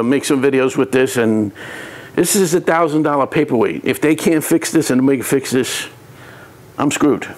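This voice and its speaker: A man from New City, venting in a rambling, frustrated vlog about his hobby, with many restarts. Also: mid-range voice. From New York City. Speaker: RC hobby vlogger. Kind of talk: ranting vlog to camera.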